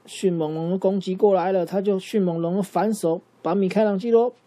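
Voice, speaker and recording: A man with a high voice improvises a lively bedtime story for a child at normal speed, asking the listener questions along the way.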